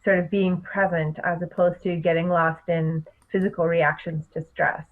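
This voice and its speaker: A middle-aged woman, a public speaking coach, explaining techniques in a podcast interview with animated delivery. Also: lowish voice, normal speed. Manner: animated, explanatory, laughs often. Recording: tinny phone-like line.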